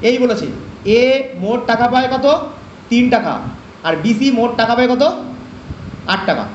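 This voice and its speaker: Very high-pitched and animated, this math tutor speaks at a moderate pace, asking and answering his own questions one step at a time. His online class call sounds echoey, dull and lo-fi, with a little hiss or hum.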